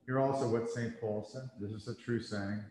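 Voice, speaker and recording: A man leading a church service, reciting and chanting the liturgy in a slow, measured, solemn way, heard in a large church with a cathedral echo. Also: on the low side, fairly even intonation, warm tone. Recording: cathedral echo with long reverb, from a distance.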